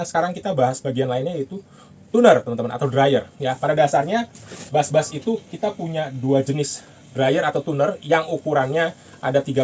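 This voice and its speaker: A man teaching about bass guitars in a casual, chatty way, with many fillers. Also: a little mellow, slight background noise. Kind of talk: casual instructional talk.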